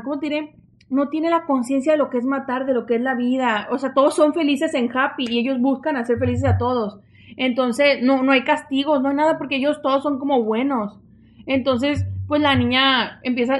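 A young adult woman with a Mexican Spanish accent, co-hosting a casual podcast chat and telling stories in a lively, chatty way. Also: sits high. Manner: animated, chatty storytelling. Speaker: podcast co-host.

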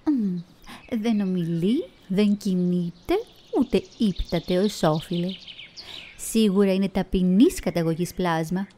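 A woman voicing a snobbish lady marmot who speaks slowly and pompously in lofty, old-fashioned words. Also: lowish voice, warm tone, a little hiss or hum, natural voice. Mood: haughty. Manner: pompous, slow and drawn out.

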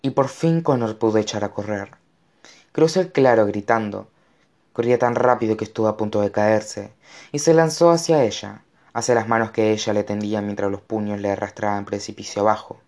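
A man's voice: fairly low pitch, a little fast, darkish tone. A man narrating an audiobook with dramatic storytelling. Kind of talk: scripted narration.

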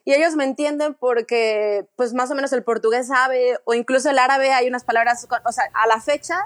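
A woman's voice: high-pitched, a little fast. Chatty Mexican woman telling her story. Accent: Mexican Spanish. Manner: chatty, animated storytelling with frequent restarts. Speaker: guest. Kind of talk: casual interview conversation.

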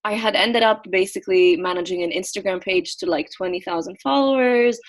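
A woman's voice: mid-range voice, fairly quick. Young woman from Greece, twenties, easygoing guest on a remote call, filler-heavy chat. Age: 20s. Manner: relaxed, many ums and likes. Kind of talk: casual conversational interview.

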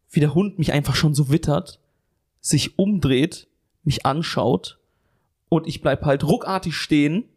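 A man's voice: fairly high pitch, darkish tone. A young man co-hosting a comedy podcast, telling a long story in a rambling, profane way and often circling back with fillers. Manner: rambling, swears a lot, keeps restarting with "anyway". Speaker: podcast co-host.

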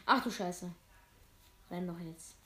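A woman giving casual gameplay commentary, excitable and swearing a lot, with sudden yelled outbursts. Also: on the low side, takes it slowly, a little hiss or hum. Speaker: let's play streamer. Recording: roomy echoey room.

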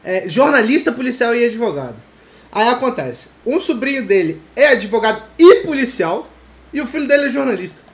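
Lively animated man telling a story. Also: very high voice, brisk. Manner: animated storyteller, mimics others. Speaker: podcast co-host. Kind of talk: casual banter.

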